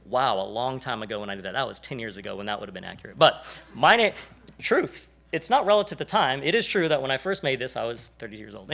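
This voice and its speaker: A man's voice: medium pitch, sharp tone. A man in his forties teaching a church class in a casual, jokey way, acting out the people he quotes.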